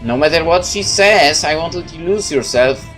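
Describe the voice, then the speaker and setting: A confident fantasy mistress, read by a woman. Her low voice is firm and reassuring, tender and protective toward her follower. Music plays behind. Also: lively intonation, normal speed, low-quality recording.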